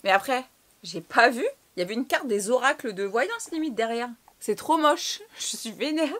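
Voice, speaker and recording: A woman's voice: fairly high pitch, lively intonation, normal speed, a bit bright. A young woman from France chatting casually through a clothing haul, slangy and swearing now and then. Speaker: fashion vlogger.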